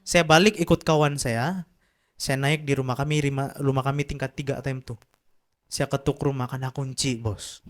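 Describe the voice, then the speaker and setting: A man's voice: mid-range voice, steady tone, moderate pace. A man, telling a childhood story in a casual podcast chat and laughing often.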